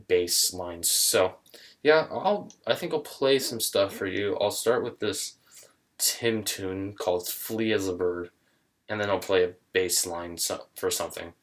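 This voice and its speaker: Speaking in a low, slightly bright voice, a young man demonstrates an instrument as a musician. He chats casually to camera from a small room, thinking out loud and restarting often with many fillers.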